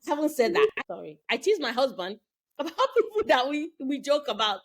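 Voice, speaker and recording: A woman's voice: sits high, fairly quick. A woman from Nigeria co-hosting a casual chat, telling stories with lots of quoted dialogue. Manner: animated storytelling with quoted dialogue. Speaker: co-host.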